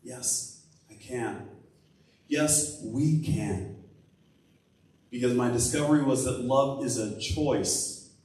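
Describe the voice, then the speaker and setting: A man's voice: mid-range voice, slow, long pauses. Minister, male, earnest sermon delivery; distant mic in a very echoey sanctuary. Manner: earnest, building to an impassioned call, then a soft prayer. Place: church sanctuary.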